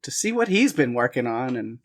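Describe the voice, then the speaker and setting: A man co-hosting a film podcast chats casually in a sing-song, medium-pitched voice that runs a little fast. He rambles, restarts often, and punctuates things with self-deprecating little laughs.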